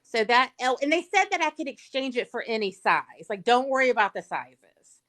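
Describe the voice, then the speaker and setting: Southern woman, chatty guest storyteller, high lively voice. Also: normal speed. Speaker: paralegal and sweepstakes guest. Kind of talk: casual storytelling chat. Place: livestream video call.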